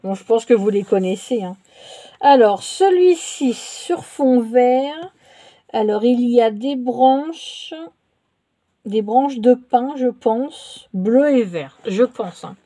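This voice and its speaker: In a casual show-and-tell haul, a French-speaking woman presents her purchases to viewers, peppering her talk with fillers and slight hesitations. She speaks slowly in a mellow, higher-side voice with lively intonation.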